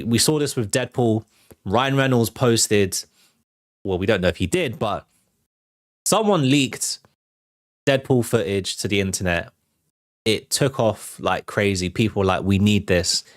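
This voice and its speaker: The host is a man with a lowish voice, leading a live entertainment news show with easygoing commentary. He talks to his viewers directly and keeps it conversational, and the studio-quality recording is dry.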